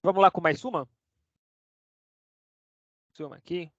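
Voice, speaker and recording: A man's voice: sits high, unhurried, a bit bright, no echo. A man teaching a casual online lesson, chatty, checking in with the class every few words. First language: Portuguese. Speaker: Spanish teacher. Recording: dry, dull lo-fi sound.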